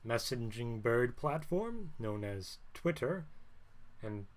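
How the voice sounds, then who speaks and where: A man's voice: mid-range voice, big pitch swings, slow pace. Guy streaming, chatty rambly monologue, keeps correcting himself, dry jokey tone. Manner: rambling and wry, often stopping to correct himself. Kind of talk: casual livestream monologue.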